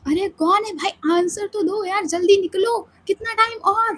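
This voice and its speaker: A woman voicing an impatient young woman who loudly demands that someone open the door. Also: very high voice, moderate pace, voice pushed up. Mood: urgent. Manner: loud, pushy and demanding.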